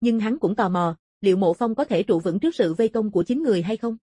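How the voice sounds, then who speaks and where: A woman narrates a martial-arts fantasy novel in a dark, mellow tone. Her voice is husky and soft at the edges, and the sound is very dry, with no room around it. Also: mid-range voice, expressive, fast talker, no echo. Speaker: audiobook narrator.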